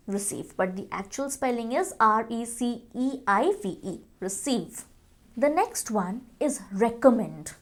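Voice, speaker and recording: High-voiced woman teaching English spelling. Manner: spells words letter by letter, slow in English, fast in Hindi; addresses viewers as friends, frequent "okay". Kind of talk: spelling lesson in mixed Hindi and English.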